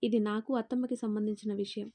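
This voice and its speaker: A woman voicing a bold young daughter-in-law in a spoken family story, firm and confrontational, speaking up loudly. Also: medium pitch, little pitch movement, quick pace, close to an everyday voice. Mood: defiant.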